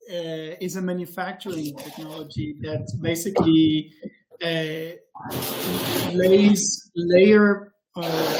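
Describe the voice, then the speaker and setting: A man from Israel, a department head, explaining calmly over a video call with some hesitant pauses. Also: fairly high pitch, rough recording. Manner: measured, explanatory, hesitant fillers.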